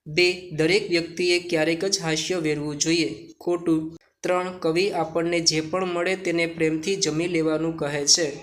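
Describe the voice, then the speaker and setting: Male teacher reading out assignment answers in a steady, monotone delivery, on the high side. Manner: steady dictation, question then answer.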